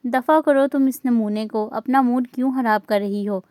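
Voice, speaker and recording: A woman's voice: on the high side, normal speed, darkish tone, dry recording, studio quality, close to an everyday voice. A woman reading aloud voices a nervous young woman who pleads and grumbles. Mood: annoyed. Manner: pleading, flustered.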